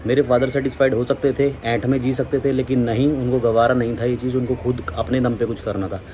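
A young adult man, vlogging about fitness, explains things casually and directly to camera from an unfinished building's rooftop and open balcony. His mid-range voice is warm, flat in delivery, and a little fast, and clear outdoor sounds and traffic fill the background.

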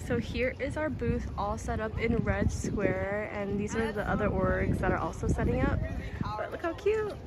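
A woman's voice: medium pitch, normal speed, few pauses. A young woman with a bubbly, girly manner, narrating a casual vlog to camera on a handheld phone. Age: young adult. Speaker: college student vlogger, sorority rush chair. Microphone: phone or camera at arm's length. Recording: noisy handheld vlog, room and street ambience.

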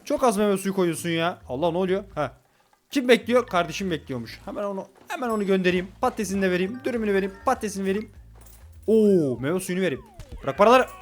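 A man giving hurried, excitable commentary while playing a restaurant game, talking to customers on screen. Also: sits high, faint music behind. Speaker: gaming YouTuber. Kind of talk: casual gameplay commentary.

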